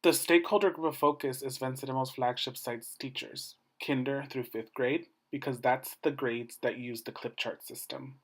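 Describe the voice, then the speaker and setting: Guy doing a formal dissertation defense talk, scripted, measured short phrases, medium pitched voice. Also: fairly even intonation. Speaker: doctoral student presenting a dissertation defense. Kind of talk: formal scripted academic presentation.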